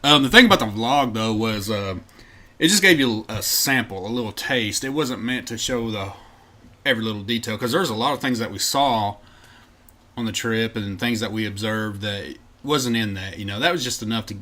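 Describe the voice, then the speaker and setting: A man's voice: lowish voice, moderate pace, sharp tone. A man co-hosting a podcast, laid-back and chatty, drifting off into side tangents. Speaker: podcast co-host. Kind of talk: casual chat.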